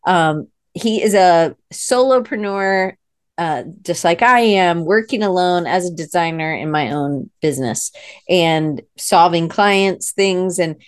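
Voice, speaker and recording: A woman's voice: on the low side, slow pace, clean tone, no room sound. American woman hosting, dry close sound. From United States. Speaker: host. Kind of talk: casual, chatty interview hosting.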